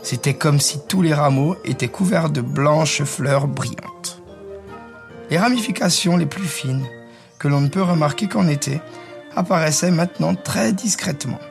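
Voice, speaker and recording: A man narrating a fairy tale in a calm, descriptive storytelling manner. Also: on the high side, moderate pace, gravelly, faint music behind. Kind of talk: reading a fairy tale aloud.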